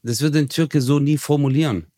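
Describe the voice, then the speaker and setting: Man, podcast co-host, casual chat, teasing, animated, dry studio sound. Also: a little high, brisk, dry recording. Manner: animated, teasing, heavy gesturing.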